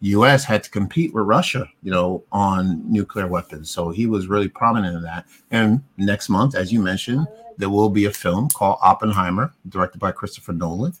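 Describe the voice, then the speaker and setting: A middle-aged man with a fairly low voice hosts a relaxed film review. He rambles, circling back with fillers and restarts as he works through his points. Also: moderate pace, hardly any pauses, husky. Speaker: podcast host. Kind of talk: casual movie review chat.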